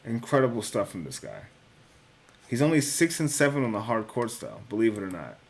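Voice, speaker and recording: A man's voice: on the low side, sing-song, brisk, creaky. A young man hosting a casual solo talk on sports picks, thinking aloud, correcting himself and swearing now and then. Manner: casual, swears, says bro and dude. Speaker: sports betting picks host.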